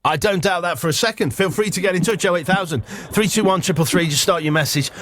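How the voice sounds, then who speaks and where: A man's voice: sits high, fast, fairly bright tone, no echo. A man presenting live radio in a casual, chatty way, informal and bantering, often repeating words as he goes. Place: radio studio.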